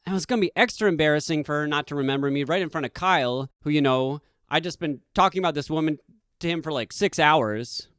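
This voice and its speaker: A man from Boston telling a self-deprecating personal story as a podcast host, animated and emphatic. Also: fairly high pitch, fast talker, clear, resonant tone, no room sound, clean studio sound.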